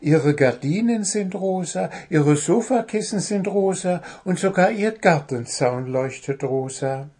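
A man voicing a small, cheeky, excitable blue bird in a storybook reading, in a high chirpy voice. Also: measured pace, hardly any pauses, husky, exaggerated voice.

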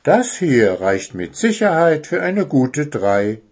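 A man voicing a strict but kind female owl who teaches at a forest school, speaking in a measured teacher's tone. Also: fairly high pitch, expressive, breathy edge, pitched above the performer's own voice, exaggerated voice. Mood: kindly.

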